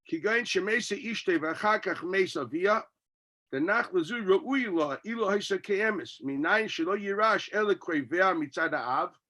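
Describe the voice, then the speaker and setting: A man's voice: sits high, pushed and bright. A man gives a Talmud class as a rabbi, reading text and arguing through it with his own questions and answers.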